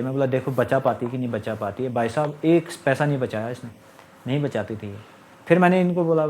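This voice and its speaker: Young guy venting on his vlog, kinda high voice, retelling who said what. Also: darkish tone. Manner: aggrieved, recounting and quoting others. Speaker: vlogger. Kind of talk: casual monologue to camera.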